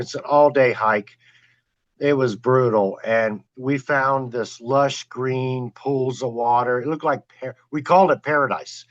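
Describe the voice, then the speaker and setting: A man of middle pitch recounts his outdoor adventures with growing excitement, often quoting his own exclamations. His voice comes through a somewhat muffled, lo-fi recording. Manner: excited, animated retelling with quoted exclamations. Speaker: guest, trail camera wildlife filmer. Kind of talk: storytelling in a podcast interview.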